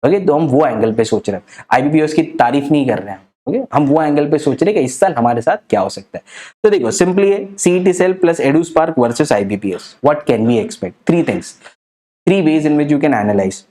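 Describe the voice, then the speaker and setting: A man's voice: a little high, lively intonation, normal speed, mellow. A young man teaching an online exam-prep lesson, explaining topics in a mix of Hindi and English and often asking rhetorical questions. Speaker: entrance exam tutor.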